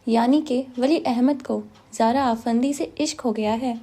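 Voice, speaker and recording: A man's voice: extremely high pitch, warm tone. A woman reading an audiobook, voicing a young man who teases his friend playfully. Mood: teasing. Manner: teasing, playful.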